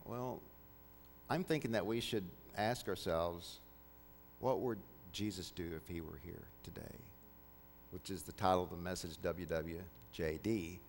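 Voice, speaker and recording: A man's voice: deep voice, steady tone, unhurried, a little hiss or hum. Man preaching in an echoey hall. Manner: earnest, repeats key phrases for emphasis. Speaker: pastor. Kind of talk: sermon.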